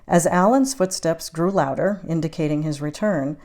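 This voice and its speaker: A woman narrating a romance audiobook in the first person, measured and intimate. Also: low voice, a little mellow. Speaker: audiobook reader.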